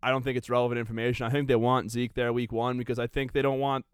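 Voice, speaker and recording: Clear-voiced guy pushing his fantasy football picks, talks in circles a bit, dry mic. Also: medium pitch, level tone, fast, dry recording. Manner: opinionated, repeats himself, restarts. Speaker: podcast co-host. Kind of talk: casual sports chat.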